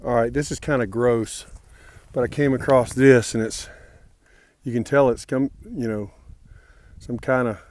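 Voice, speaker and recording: A man's voice: mid-range voice, fairly even intonation, a little slow, pauses often, a little mellow. A man vlogging casually outdoors on a mountain trail, friendly and rambling, with many fillers and restarts. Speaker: hiker vlogging his trail days.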